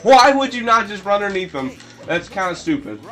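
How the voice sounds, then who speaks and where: A man giving casual, goofy gameplay commentary, rambling and breaking into sudden shrill yelps. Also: sing-song, fairly quick, fairly bright tone, soft background music. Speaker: let's play commentator.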